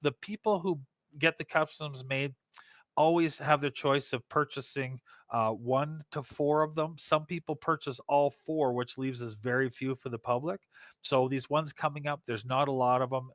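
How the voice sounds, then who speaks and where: A man's voice: mid-range voice, steady tone, moderate pace, fairly bright tone, dry recording, clean studio sound. A man co-hosting a casual live stream, laid-back and full of "dude" and "like". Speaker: co-host and shop owner.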